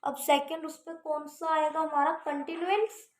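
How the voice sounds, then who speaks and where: A woman's voice: high voice, steady tone, normal speed, roomy sound. A woman teaching shorthand in casual Hindi with English terms. She keeps checking understanding with "theek hai". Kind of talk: casual classroom explanation.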